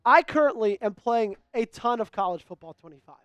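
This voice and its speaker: High-voiced hyped man hosting a stream. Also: animated, a little fast, clean tone, no room sound, lo-fi sound. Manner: upbeat, rattles off viewer shout-outs. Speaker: host. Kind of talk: live-streamed sports talk.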